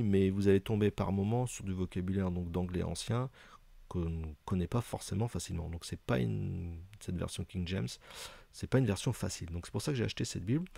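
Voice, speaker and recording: Man, hesitant casual reviewer, dark mellow voice, deep and low. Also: creaky, dry recording. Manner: hesitant, many fillers, chatty asides. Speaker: video presenter reviewing books.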